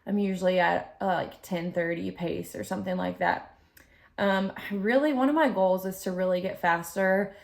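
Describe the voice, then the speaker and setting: Chatty woman vlogger with a creaky voice. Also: medium pitch, normal speed. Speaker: fitness vlogger; group fitness instructor. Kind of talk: casual rambling vlog chat.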